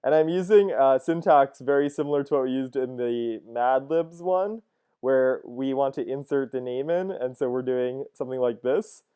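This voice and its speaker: Mellow-voiced man teaching code. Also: mid-range voice, smooth. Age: 30s. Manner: casual, thinks aloud with frequent "uh" and "cool, cool". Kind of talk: screen-recorded coding lesson.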